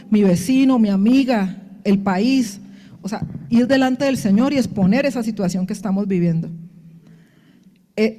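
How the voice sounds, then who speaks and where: A woman's voice: medium pitch, mellow, in a large hall. A woman preaching a sermon, telling her own story with earnest testimony and acting out prayers in quoted speech.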